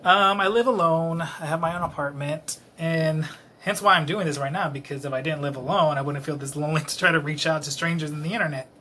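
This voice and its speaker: Indoors at his apartment, a Dallas vlogger in his late twenties delivers a rambling casual monologue to camera, self-deprecating, a bit tipsy, and loaded with fillers. His fairly high, bright voice is brisk and forceful. The camera close-up recording carries slight background noise.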